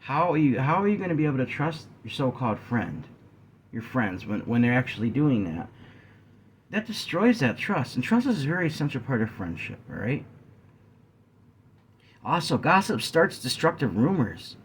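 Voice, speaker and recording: A man vlogging a sincere talk to his viewers, often clearing his throat and slowing down to stress key points. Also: mid-range voice, very animated, a little hiss or hum. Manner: earnest, addresses viewers as guys; frequent throat clearing, yawning. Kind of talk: talking-head discussion to viewers.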